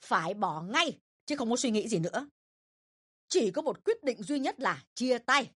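A woman voicing a bossy middle-aged mother who scolds her grown son in rapid, shrill tirades in an audio drama. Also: sing-song, fairly bright tone, breathy edge, no room sound, studio quality, exaggerated voice. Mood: furious.

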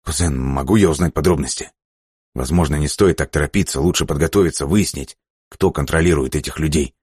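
A man's voice: very deep voice, brisk, darkish tone, breathy edge, no echo, studio quality. A man reading an audiobook voices a wary, loyal male cousin who speaks cautiously and respectfully, then pleads urgently.

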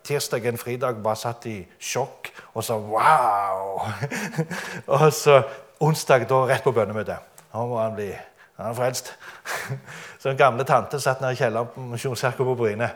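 A man giving a testimony sermon, telling his story dramatically and often laughing. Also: medium pitch.

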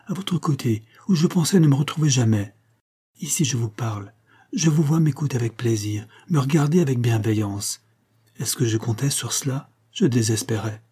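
A man voicing a gravely ill young mill owner who speaks faintly and haltingly, with tender feeling. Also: mid-range voice, darkish tone, natural voice.

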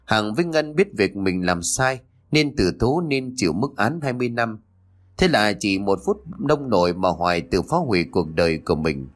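Expressive male storyteller. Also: on the low side, normal speed. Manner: expressive, formal sign-off. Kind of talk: scripted story narration.

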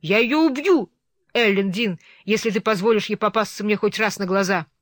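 A furious, harsh master of the house , as the reader of a storybook puts him on, shouting threats, loud and raised well above the reader's usual tone. The recording is dry and close, with no room sound. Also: mid-range voice, normal speed, no echo, lightly acted.

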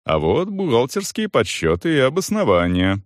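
A man voicing a tedious male accountant who reads figures in a dry, steady, officious way. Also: mid-range voice, normal speed, dry recording, voice pushed up. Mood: patient.

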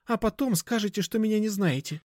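A man's voice: sits high, brisk, darkish tone, no echo, clean studio sound, voice pushed up, lightly acted. A man voicing a pert young woman. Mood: pert insistent. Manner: insistent, pert. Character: lively young woman, bold but nervous. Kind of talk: audiobook character voice.

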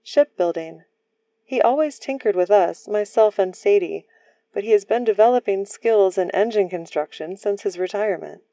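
A woman's voice: mid-range voice, moderate pace, dark tone, dry recording, clean studio sound, natural voice. A woman voicing a moody, self-deprecating male starship captain in a storybook reading, wry and prickly.

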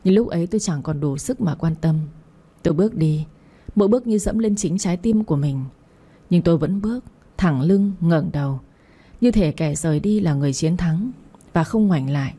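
Low, husky woman reading a romance story. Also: animated, normal speed, warm tone. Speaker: audiobook narrator. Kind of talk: first-person scripted narration of a romance story.

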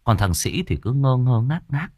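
A man narrating an audiobook story in a lively, expressive storytelling style. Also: mid-range voice, moderate pace, no echo, studio quality.

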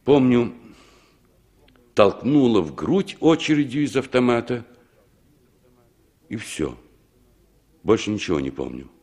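This medium-pitched actor plays a middle-aged former war commander in a 1960s-style radio drama. He recalls his survival with unhurried, expressive pauses, sounding haunted and reflective.

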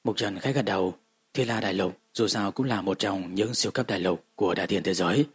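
A man giving steady, even scripted narration of a fantasy audiobook. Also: deep voice, a little fast, husky.

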